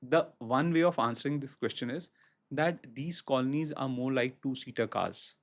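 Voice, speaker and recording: Speaking at a medium pitch, this Indian-accented man is a real estate expert on a podcast. His explanations come out haltingly, and he repeats phrases to stress his points.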